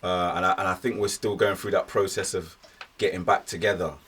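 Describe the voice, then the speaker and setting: A man's voice: sits low, level tone, brisk, fairly bright tone, husky. A man hosting a podcast interview in a studio, asking questions and often murmuring agreement. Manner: encouraging, frequent backchannel agreement. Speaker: podcast host. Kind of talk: casual interview.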